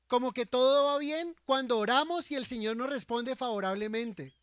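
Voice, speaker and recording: A man's voice: very high voice, moderate pace, a bit bright, clean tone, no room sound. Man, pastor, sermon, rhetorical questions to the congregation, dry close sound. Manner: acts out quoted speech from scripture.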